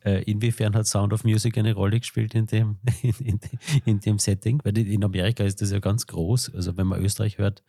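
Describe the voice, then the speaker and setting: A man's voice: lowish voice, level tone, a little fast, vocal fry, hardly any pauses, dark tone, dry recording, studio quality. A man hosting a podcast interview, asking questions and giving attentive short affirmations. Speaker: podcast host. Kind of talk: conversational interview.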